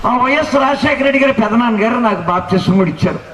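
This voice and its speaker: A man's voice: extremely high pitch, fast talker, background noise. An elderly man in his seventies, a preacher giving his testimony as a sermon, speaking in rhythmic rhyming lists that rise to exclamations. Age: 70s. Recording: echoey hall, mic at a distance.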